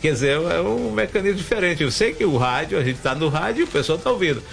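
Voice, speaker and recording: A man's voice: fairly high pitch, lively intonation, fast talker, vocal fry. A middle-aged man hosting a local radio interview, chatty and rambling with many restarts. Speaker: radio host.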